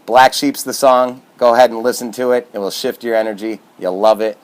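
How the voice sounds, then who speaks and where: A man's voice: medium pitch, fairly even intonation, a little fast. A man from Michigan giving casual motivational talk to camera as a self-help vlogger, upbeat and earnest, with plenty of fillers.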